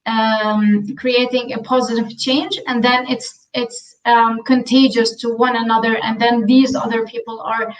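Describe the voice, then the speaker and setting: A woman from Syria, a podcast guest, speaking thoughtfully with many ums and pauses. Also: a little high, little pitch movement, far from the mic, rough recording. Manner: thoughtful, many ums and uhs, self-questioning. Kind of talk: conversational interview.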